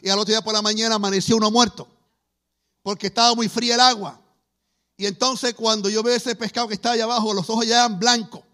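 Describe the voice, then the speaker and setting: A middle-aged man preaching, telling testimonies as a lively storyteller who acts out the voices he quotes. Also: sits high, fast. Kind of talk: testimony sermon.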